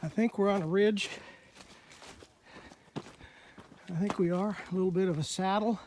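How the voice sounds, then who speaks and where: Folksy male hiking vlogger with a high, unhurried voice, recorded outdoors with light background noise. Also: fairly even intonation, darkish tone. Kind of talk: casual trail narration. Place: outdoors on a wooded mountain trail.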